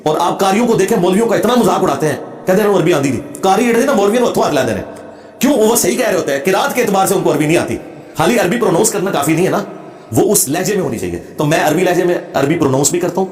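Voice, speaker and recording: A religious speaker delivers a lecture answering a question, his male voice high, quick and animated with a darkish, reverberant tone. He is emphatic and combative and demonstrates Arabic recitation.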